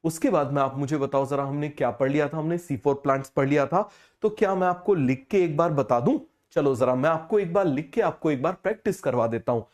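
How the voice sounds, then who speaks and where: A man teaching a biology class, unwell with a fever, who keeps asking questions and repeating the answers slowly. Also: on the high side, a little mellow. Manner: call-and-response questioning, repeats key terms slowly. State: feverish, speaking slower than usual. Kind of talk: online class lecture.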